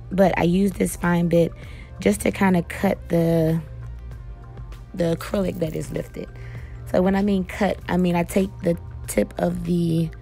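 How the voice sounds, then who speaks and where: A hoarse young woman, a nail technician, chatting casually to viewers as she walks them through a tutorial. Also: on the low side, warm tone. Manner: chatty, addresses viewers as "you guys", frequent "um". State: hoarse, voice cracking. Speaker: nail technician and beauty vlogger.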